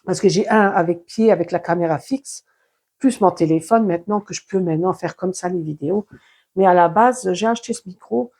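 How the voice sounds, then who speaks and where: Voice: medium pitch, brisk, darkish tone. A vlogger at home talking casually through a clip-on lapel mic on a phone, rambling with many fillers and restarts while walking between rooms. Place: home, moving between office and sewing room. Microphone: clip-on lapel mic plugged into a phone.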